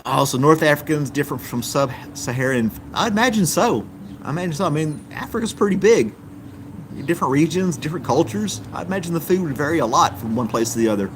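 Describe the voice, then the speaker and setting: An American man hosts a live stream, chatting casually and reading viewer comments in a loose, rambling way full of ums. His voice is fairly high with lively intonation and a quick pace, and there's background noise.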